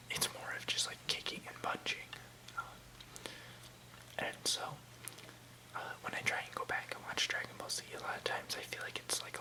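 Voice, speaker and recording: A young adult ASMR host whispers softly and breathily, rambling in a casual, hesitant, unhurried way. The recording is rough.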